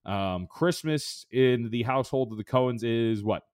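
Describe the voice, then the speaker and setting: A man's voice: medium pitch, normal speed, darkish tone, clean tone, no room sound, clean studio sound. A man in his thirties hosting a sports betting podcast in a loose, rambling way with lots of fillers. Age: 30s. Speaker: podcast host. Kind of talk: casual chat.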